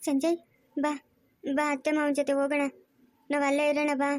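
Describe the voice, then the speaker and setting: A woman playing a gentle young daughter-in-law who pleads and soothes with repeated words in a home drama. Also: high-pitched, completely flat delivery, normal speed, close to an everyday voice. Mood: pleading. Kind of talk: amateur family drama acting.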